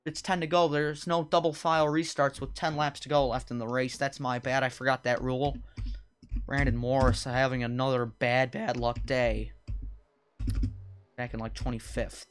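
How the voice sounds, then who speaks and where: A young man hosting and commentating a live-streamed sim racing league, chatting casually with viewers between loud, high-pitched race calls. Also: little pitch movement, normal speed, clear, resonant tone.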